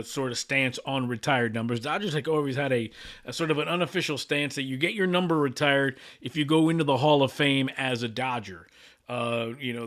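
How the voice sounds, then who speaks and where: Man, middle-aged, sports host, casual commentary, fillers and restarts, slightly high voice. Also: a bit bright. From Los Angeles. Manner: conversational, many fillers and restarts.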